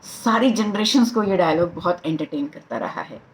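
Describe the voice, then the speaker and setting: A middle-aged woman with an Indian accent, a life coach and psychologist, giving a lively motivational talk to camera and mixing in English phrases. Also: lowish voice, normal speed, rough recording.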